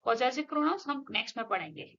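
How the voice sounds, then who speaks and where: A woman's voice: on the high side, lively intonation, quick pace, a bit bright. A woman teaching an English grammar lesson step by step, often checking with her students and asking them questions. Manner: explains step by step, asks students questions, often says "theek hai". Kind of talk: classroom-style grammar lesson mixing Hindi and English. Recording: dull lo-fi audio.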